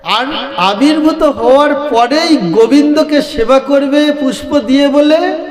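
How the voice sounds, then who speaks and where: A man reciting scripture as a devotional storytelling sermon, slow and sing-song, speaking directly to his listeners. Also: very high voice. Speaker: Bhagavata reciter. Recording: echoey hall, faint violin music.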